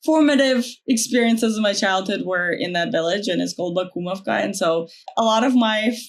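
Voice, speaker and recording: A woman from Ukraine, chatting as a guest in an interview, animated and full of fillers. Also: mid-range voice, brisk. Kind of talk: casual interview talk.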